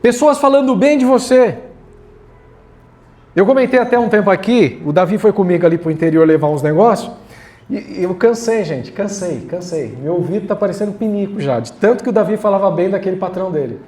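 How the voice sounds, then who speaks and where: A man's voice: high voice, expressive, a little fast, a little mellow. A man preaching a sermon as pastor, casual and joking, talking straight to the congregation. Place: church hall.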